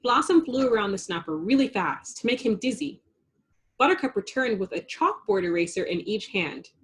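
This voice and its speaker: A woman reads a children's storybook aloud, narrating expressively in a mid-range voice at a normal speed.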